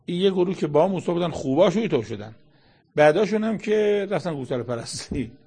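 Male preacher, slightly raspy tone, relaxed explanatory delivery, breaks into quoted Arabic scripture. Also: high voice. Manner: colloquial explaining, quoting Arabic verses. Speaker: Quran commentator. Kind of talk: conversational religious lecture.

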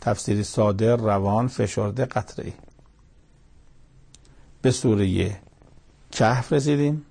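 A man's voice: fairly low pitch, vocal fry, long pauses, dark tone. A man giving short verse-by-verse Quran commentary, telling the scripture story plainly with everyday sayings. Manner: plain storytelling with colloquial asides.

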